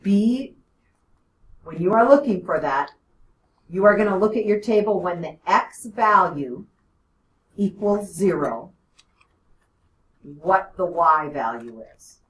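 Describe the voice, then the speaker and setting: A woman's voice: fairly low pitch, lively intonation, takes it slowly, pauses often, distant mic. Woman teaching math in an echoey classroom. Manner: explains step by step with frequent "okay?" and "right?" checks. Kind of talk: classroom lecture.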